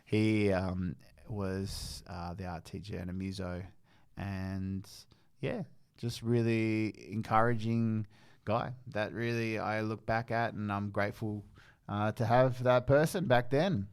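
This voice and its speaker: A man's voice: on the low side, steady tone, takes it slowly, clear, resonant tone. A man co-hosting a casual nostalgic chat, rambling and full of fillers, recorded in a library. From Tasmania, Australia. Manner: warm-hearted, rambling with fillers and restarts. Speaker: podcast co-host. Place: public library.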